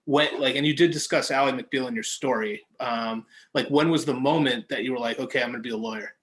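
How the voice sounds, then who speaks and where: Man, podcast host, enthusiastic, encouraging, casual interview, mid pitch. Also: brisk.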